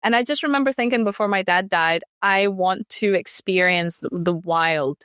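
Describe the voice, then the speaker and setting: A woman in her thirties from Ecuador talks through her story as an interview guest, reflective and full of small restarts. Her pitch sits in a middle range. The sound is dry and close, with no room around it. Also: moderate pace, a bit bright, smooth, no room sound. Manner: reflective, frequent restarts and fillers. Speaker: guest, artist. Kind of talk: conversational interview.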